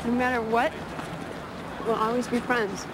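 A woman playing a cheerful, warm-hearted young would-be pilot in a film. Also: a little high, little pitch movement, unhurried, natural voice. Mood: bright, affectionate. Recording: film soundtrack with loud background noise.

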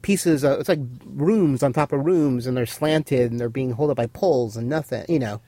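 A man's voice: mid-range voice, normal speed, dark tone, dry recording. A man co-hosting a casual recap chat, explaining and filling in details. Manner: explanatory, adds detail and corrections. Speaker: podcast co-host.

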